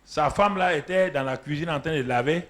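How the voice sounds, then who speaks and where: A man preaching a sermon, emphatic and exhorting, building to loud calls to the congregation. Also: on the high side, a little fast. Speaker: pastor.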